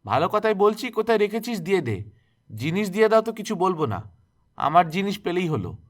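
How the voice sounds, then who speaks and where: A man's voice: sits high, sing-song, brisk, voice pushed up. A man voicing a harsh, domineering older village woman who scolds and threatens. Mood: scolding.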